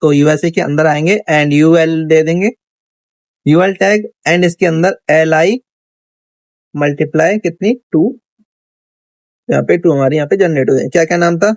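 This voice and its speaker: A coding instructor records a casual tutorial over his screen, chatting and thinking out loud while checking in with the viewer often with "theek hai." His voice sits a little high and moves a little slowly, with long pauses. The recording is dry.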